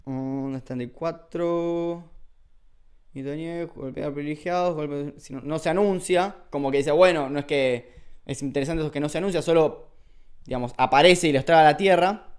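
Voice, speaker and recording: A man's voice: a little high, normal speed, smooth. A man with a Rioplatense Spanish accent, explaining philosophy in a loose, chatty lecture full of fillers and self-corrections. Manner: paraphrases texts in colloquial dialogue. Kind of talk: casual lecture video.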